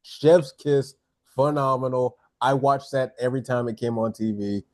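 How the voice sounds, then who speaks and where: A man's voice: mid-range voice, moderate pace, dry recording, clean studio sound. A man co-hosting a casual podcast chat, enthusiastic and jokey. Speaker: podcast co-host.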